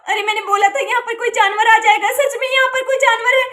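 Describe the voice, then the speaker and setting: Woman voicing timid young woman, very high voice, bright tone, frightened, pleading, doll story. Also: normal speed. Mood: panicked. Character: scared young woman Sita, city girl.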